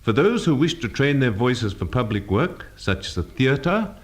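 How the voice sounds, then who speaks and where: A man giving a scripted speech-training lesson, precise and measured, acting out example phrases. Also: mid-range voice, big pitch swings. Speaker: elocution teacher.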